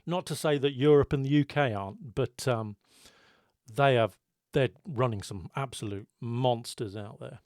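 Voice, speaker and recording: Man, British accent, medium-pitched voice, casual podcast host, conversational, dry close-miked sound. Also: moderate pace, a little mellow, no room sound.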